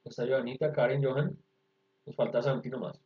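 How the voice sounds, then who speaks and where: A man's voice: mid-range voice, fairly even intonation, a little fast. A man teaching an English class over a video call, explaining patiently step by step. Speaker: English tutor. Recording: echoey, dull video-call audio.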